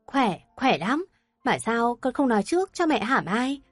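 A woman's voice: a little high, sing-song, no echo, soft background music. A woman doing a flustered country mother. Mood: welcoming. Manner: hurried, calling out, fussy. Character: flustered middle-aged country mother, excitable.

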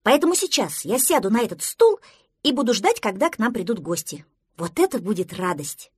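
A woman voicing a small, excitable duckling in a storybook reading, loud and eager. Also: a little high, a little fast, husky, dry recording, studio quality. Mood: hopeful. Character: excitable little duckling, cheerful and bossy.

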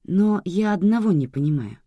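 A woman's voice: fairly low pitch, animated, normal speed, warm tone, no echo, highs cut off, voice pushed up. A reader voicing a resentful young mother who speaks to her own mother firmly and reproachfully, recorded dry and close. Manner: firm, reproachful.

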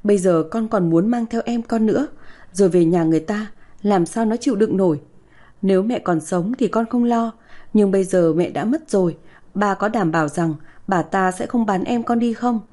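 A woman's voice: medium pitch, normal speed, dark tone, lightly acted. A woman voicing an earnest young village girl. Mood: pleading. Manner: earnest, pleading. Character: devoted young village girl, eldest daughter.

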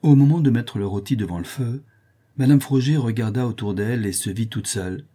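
A man reading a novel aloud as audiobook narrator, measured and expressive. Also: mid-range voice, breathy edge.

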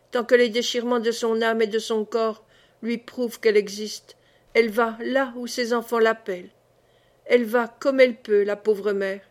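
A woman reading a historical novel aloud in slow, deliberate, dramatic narration. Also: on the high side. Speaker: audiobook reader.

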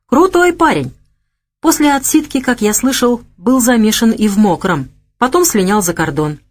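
A woman's voice: a little high, expressive, normal speed, a little mellow, voice pushed up. A woman reading the lines of a streetwise male ex-convict henchman who talks bluntly in slang.

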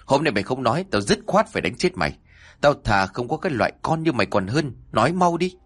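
A man voicing a furious, violent middle-aged father who shouts harsh threats in a husky voice. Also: mid-range voice, big pitch swings, fast talker, pitched above the performer's own voice.

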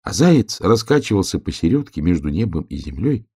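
A man reading a children's story aloud in an expressive, measured way. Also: low-pitched, vocal fry, breathy edge.

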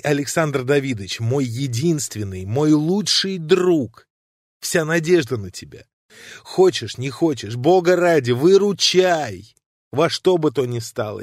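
A man's voice: fairly high pitch, expressive, a little slow, no echo, clean studio sound. A man reading an audiobook, voicing a restless, tormented young man who begs urgently. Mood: desperate pleading. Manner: urgent, pleading, emotional. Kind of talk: audiobook reading of classic prose.

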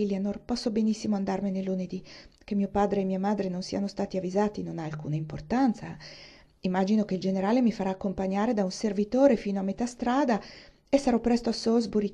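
A woman's voice: medium pitch, steady tone, brisk, warm tone, natural voice. A woman voicing an eager, kind-hearted young woman who speaks earnestly and reassuringly, in an audiobook reading. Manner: earnest, reassuring, thinking aloud.

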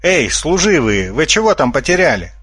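A man's voice: a little high, sing-song, normal speed, fairly bright tone, slightly rough, pitched above the performer's own voice, exaggerated voice. A man voicing a sly male fox trickster in an audiobook, teasing and smug.

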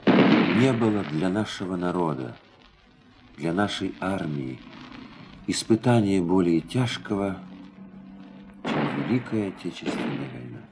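A man's voice: sits low, expressive, measured pace, pauses often, heavy background noise. A man reads scripted documentary narration in a solemn, declamatory way.

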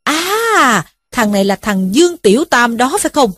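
Stern village headman guy, a woman reading him, bossy scolding, highish voice, dry. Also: sing-song, moderate pace, a bit bright, no echo. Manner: scolding, commanding. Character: stern middle-aged male village headman, shrewd.

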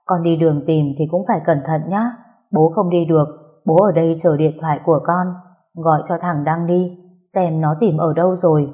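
A woman's voice: low voice, steady tone, moderate pace, dark tone, lightly acted. Woman voicing an old, worried grandfather. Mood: concerned. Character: elderly grandfather, worried but composed.

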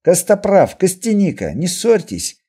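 A man's voice: medium pitch, sing-song, moderate pace, warm tone, husky. A man voicing a level-headed male merchant in an audiobook, speaking firmly and reasonably. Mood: scolding.

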